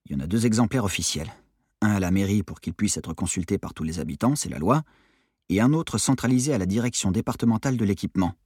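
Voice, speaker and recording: Man doing an insistent police commissioner, commanding, animated, audiobook, dry. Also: lowish voice, husky, no echo, voice pushed down. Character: impatient, stubborn male police commissioner.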